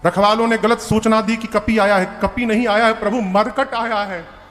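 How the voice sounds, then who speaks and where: A preacher doing a panicked demon soldier. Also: male voice, sits high, steady tone, moderate pace, a bit bright, big-room sound, soft background music. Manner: panicked, pleading. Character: frightened male demon soldier. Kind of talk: devotional story sermon.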